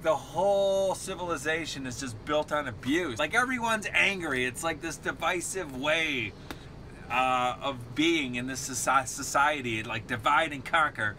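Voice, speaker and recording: A man's voice: medium pitch, bright, forceful tone, a little hiss or hum. A man delivering a heated, rambling monologue straight to the camera, agitated and leaning heavily on filler words. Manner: agitated, rambling, heavy use of "like". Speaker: vlogger.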